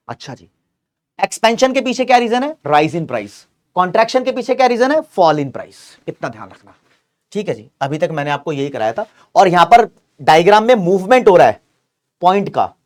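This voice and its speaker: Male teacher, online revision lecture, explains step by step, repeats key terms, keeps checking in with students. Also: sits high. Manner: explains step by step, checks in often with "right?" and "dekho ji". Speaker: commerce teacher.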